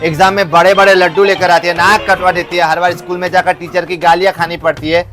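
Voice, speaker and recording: A man's voice: sits high, little pitch movement, quick pace, fairly bright tone. Man playing a nagging, sarcastic father. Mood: exasperated. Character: scolding exasperated father. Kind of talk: comedy sketch acting. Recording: faint music behind.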